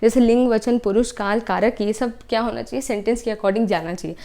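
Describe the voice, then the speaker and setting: A young adult woman teaches an exam-prep lesson. She explains step by step, repeats her points, and often checks in with a quick "okay". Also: a little high, fairly even intonation, dark tone.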